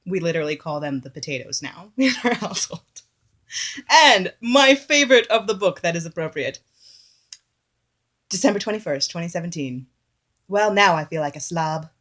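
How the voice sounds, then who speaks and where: A woman's voice: fairly low pitch, lively intonation, normal speed, long pauses, fairly bright tone. A woman performing a comic bit, reading dated entries from a joke diary in a chatty, giggly way. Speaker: comedy performer.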